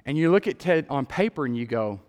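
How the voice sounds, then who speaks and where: A man's voice: mid-range voice, animated, fairly quick. Texan man preaching in a reverberant hall. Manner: earnest, repeats words, rises to loud emphatic peaks. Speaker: lay preacher. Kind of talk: sermon-style testimony.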